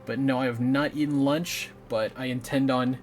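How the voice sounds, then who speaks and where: A young man on a live stream works on a model kit, rambling and dropping mild swears. His voice is medium-pitched and steady at a moderate pace, and faint game music can be heard.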